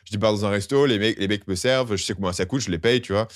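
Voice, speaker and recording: Young male podcast host, quick and animated, low-pitched, dry close mic. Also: no room sound. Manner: animated, slangy, acts out quoted complaints. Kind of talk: casual podcast chat.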